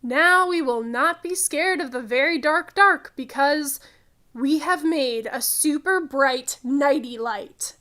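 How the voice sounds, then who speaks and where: A small young dinosaur from a storybook , read by a woman, speaks in a high voice. The little T-Rex is earnest and timid but trying to be brave, with slow, dramatic, simple phrasing. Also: sharp tone, exaggerated voice. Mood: hopeful.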